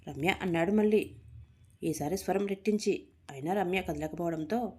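A woman's voice: lowish voice, dark tone. A woman reading a story aloud, giving the characters' lines small lifts in her voice.

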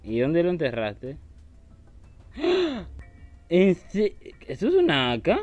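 A man's voice: on the high side, wildly swooping pitch, moderate pace, a little mellow, no room sound, highs cut off, soft background music. A man commenting on a horror game he is playing, taunting the enemy and shrieking when startled. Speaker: gaming YouTuber.

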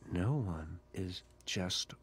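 Slow, low-voiced eccentric groundskeeper. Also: male voice, husky, heavily acted. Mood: soft, cryptic. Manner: slow, measured, cryptic. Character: eccentric, gentle middle-aged male school groundskeeper, cryptic and philosophical. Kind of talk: video game acting.

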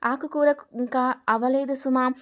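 Woman doing a gentle mother-in-law. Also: sits high, fairly even intonation, unhurried. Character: gentle patient middle-aged mother-in-law.

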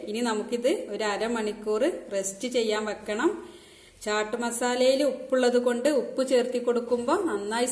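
A woman hosting her cooking channel, explaining a recipe step by step in a friendly way from her home kitchen. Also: a little high. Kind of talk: cooking tutorial narration. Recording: echoey kitchen with faint noise.

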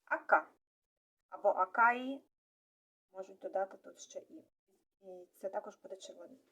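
A woman giving a casual online language lesson, explaining each word step by step and pausing often on fillers. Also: mid-range voice, a bit bright, breathy edge, lo-fi sound. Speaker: language teacher.

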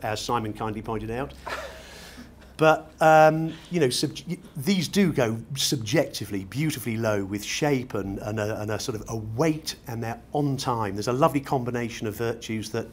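A loudspeaker designer, British and middle-aged, talks about what he does in an unscripted interview, choosing his words articulately and ornately. He speaks at medium pitch and normal speed, while the spacious glass-roofed showroom fills the background with exhibition noise.

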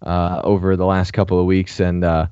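A man's voice: deep voice, flat delivery, moderate pace, mellow, clear, resonant tone, dry recording, muffled recording. A man co-hosting a casual podcast, chatting with many fillers. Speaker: podcast co-host. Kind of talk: casual chat.

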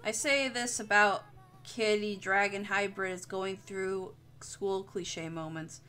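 Over soft background music, a young woman speaks slowly in a mid-range voice that is steady, bright, forceful, clear and resonant. She's a streamer and artist chatting casually while drawing on a livestream, rambling, joking and swearing plenty.

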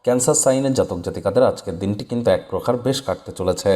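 A man presenting a daily horoscope as a channel host, reading a script in a brisk, declamatory way straight to viewers. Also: lowish voice, warm tone. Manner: brisk, declamatory delivery, addressing viewers directly.

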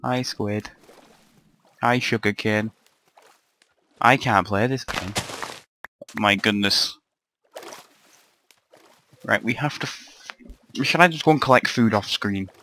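A man's voice: lowish voice, slow pace, pauses often, bright, forceful tone, slight background noise. Grumbling young gamer guy. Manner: rambling, grumbling and swearing to himself. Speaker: gamer narrating a let's play. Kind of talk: casual gameplay commentary.

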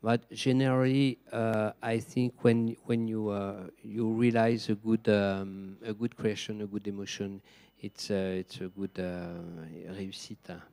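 A man with a French accent, a gem engraver answering questions in halting English and searching for words. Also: lowish voice, little pitch movement, creaky, mellow. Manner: hesitant, searching for words, many fillers.

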